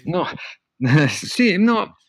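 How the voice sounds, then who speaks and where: A man's voice: a little high, big pitch swings, drawn-out words, breathy edge. A man from Italy with an Italian accent, a guest in a casual interview, hesitantly searching for words in non-native Spanish. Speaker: podcast guest, amateur astronomer.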